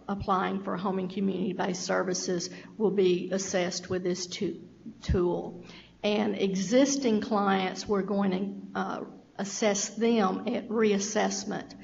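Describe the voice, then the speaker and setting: A woman with a Southern US accent, presenting a state program update at a public meeting in a measured, explanatory way. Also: medium pitch, vocal fry, darkish tone. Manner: measured, explanatory, occasional stumbles. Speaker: state agency official presenting. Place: meeting room. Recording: dull, faintly noisy, long hall reverb.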